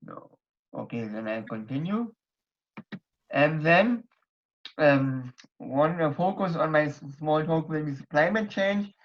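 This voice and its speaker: Speaking slowly and in an animated way, this young man from Germany has a somewhat high voice and a German accent in English. He gives a hesitant, casual online talk with slides at a society members night, full of fillers and restarts, captured through a computer mic on a video call with dull lo-fi sound.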